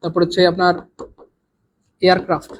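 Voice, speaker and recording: A man with a Bangladeshi Bengali accent teaching an English exam lesson live online, repeating and drilling words and swinging between loud and soft. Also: high voice, completely flat delivery, fairly quick, husky, lo-fi sound.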